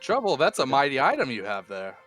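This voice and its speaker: A man's voice: mid-range voice, brisk, faint music behind. A man playing a tabletop game, chatting casually and pleading in character. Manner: lively, in-character persuasive. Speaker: player.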